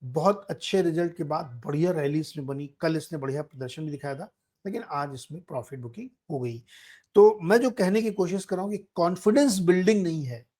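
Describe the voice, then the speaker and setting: A man's voice: fairly high pitch, brisk, dark tone. A man hosting a stock market show, giving daily market commentary in a conversational way and talking the viewer through the charts.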